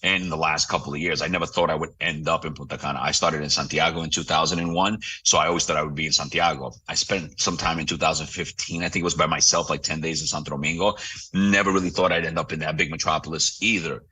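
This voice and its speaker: Man, very deep voice, rapid talk, bright tone, husky, heard from a distance. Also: fairly even intonation. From Romania. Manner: fast-talking, opinionated. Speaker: real estate broker, guest. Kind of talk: casual interview talk.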